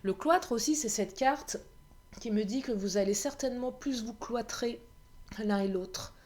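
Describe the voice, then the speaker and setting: Hoarse woman giving a chatty card reading. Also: on the high side, measured pace, darkish tone. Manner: chatty, self-mocking, laughs and clears her throat often. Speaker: tarot card reader. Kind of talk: card reading guidance video.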